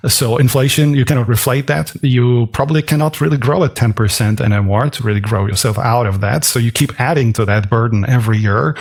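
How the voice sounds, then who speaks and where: Gravelly Swiss-raised man explaining economics. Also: mid-range voice. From Switzerland. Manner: dense, analytical, many restarts. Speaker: guest, author and portfolio manager. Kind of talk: podcast interview.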